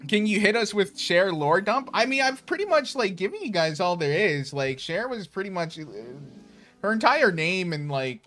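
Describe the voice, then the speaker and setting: A man's voice: high-pitched, very animated, moderate pace, bright, forceful tone. Man, stream host, casual pre-game chat, fillers, swearing, faint music under the voice. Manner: rambling, full of fillers and swearing. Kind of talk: casual chat before a tabletop session. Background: faint background music.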